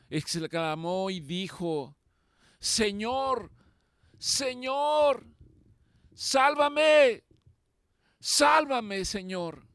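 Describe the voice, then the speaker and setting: Male pastor, high and slow, fervent emphatic preaching, dry close mic. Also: no echo. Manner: impassioned preaching, slow and emphatic with repeated phrases. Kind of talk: sermon.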